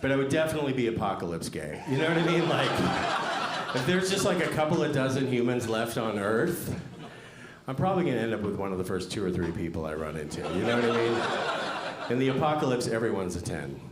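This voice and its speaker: A male stand-up comedian speaks at a medium pitch in a wry, conversational observational style. He is on a club stage with audible room echo. Noise and crowd laughter are clearly heard behind him. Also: sing-song, fairly quick.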